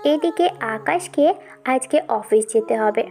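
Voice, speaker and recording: A woman narrating an audio drama, steady and storytelling. Her voice sits high. Faint music plays beneath her. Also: takes it slowly.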